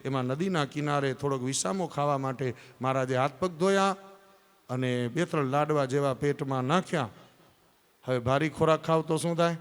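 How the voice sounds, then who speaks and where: At a live religious event in a large hall, a scripture storyteller tells a devotional story in a clear, resonant, medium-pitched voice. He speaks directly to the audience and slips into character voices. A long hall reverb carries his words.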